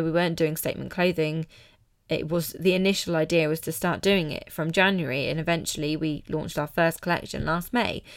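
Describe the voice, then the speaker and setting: A woman's voice: deep voice, vocal fry, no room sound, studio quality. A British woman hosting a solo podcast, talking informally and candidly with an emphatic, motivational manner. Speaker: podcast host.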